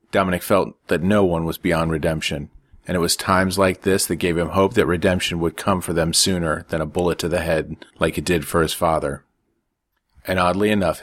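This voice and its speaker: Low-voiced man narrating a story, dry close sound. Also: a bit bright, no echo.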